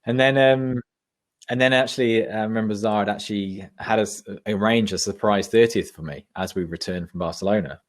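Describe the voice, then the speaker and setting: A man's voice: lowish voice, brisk. A man reminiscing casually as a podcast guest, with an informal, matey, sometimes sweary way of talking.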